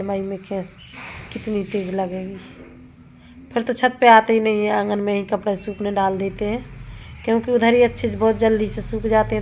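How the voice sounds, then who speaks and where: Medium in pitch and darkish in tone, with slight background noise, this woman in her thirties has a sore throat. Vlogging from her kitchen and rooftop as she does chores, she chats, rambles and corrects herself a lot.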